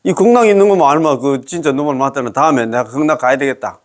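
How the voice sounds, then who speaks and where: A man's voice: medium pitch, fast. A man with a Gyeongsang accent giving a chatty Buddhist dharma lecture, exclaiming and laughing often as he explains a sutra. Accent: Gyeongsang Korean.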